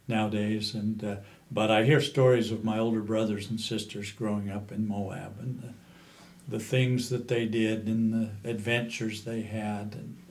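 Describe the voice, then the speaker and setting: A man in his seventies with a Western American accent, reminiscing in an interview in a halting, unhurried way. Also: fairly low pitch, a little mellow, a little hiss or hum. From Utah, USA. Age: 70s. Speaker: interview guest, cowboy poet.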